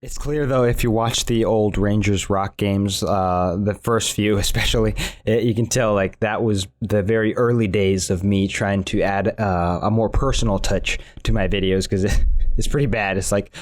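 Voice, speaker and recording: A man's voice: fairly low pitch, steady tone, normal speed. A man casually commenting over his own gameplay footage as a channel host, rambling with many restarts.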